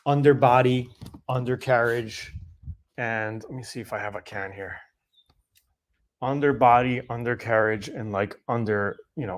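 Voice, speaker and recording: Man, middle-aged, casual Q&A host, loose chatty delivery, mid-pitched voice. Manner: loose and conversational, with fillers and self-corrections. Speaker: host answering viewer questions. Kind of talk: casual live Q&A.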